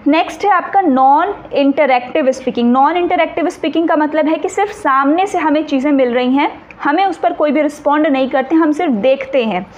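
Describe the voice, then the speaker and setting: A woman's voice: high voice, fairly quick, hardly any pauses, a little hiss or hum. A woman teacher gives an exam-prep lecture. She explains step by step and often checks whether her students follow. The recording is a little dull, with faint room ambience behind her.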